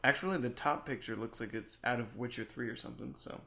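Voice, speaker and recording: A man's voice: mid-range voice, quick pace, gravelly, sharp tone. A young man in casual chat, rambling in a laid-back way about creepy places. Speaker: co-host.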